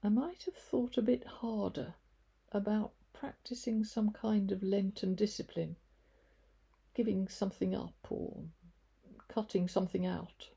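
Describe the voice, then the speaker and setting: A woman reading aloud from her own devotional book in a gentle, confiding, wry first-person tone. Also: mid-range voice, fairly even intonation, measured pace, creaky, breathy edge.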